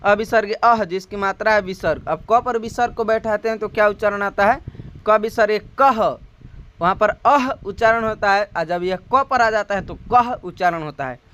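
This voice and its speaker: A male Hindi teacher with a Hindi accent, high-pitched and crisply clear. He explains patiently in classroom style, stretching out each syllable and tossing in frequent rhetorical questions. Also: a bit bright, lo-fi sound. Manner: drawn-out spoken syllables, repeated rhetorical questions.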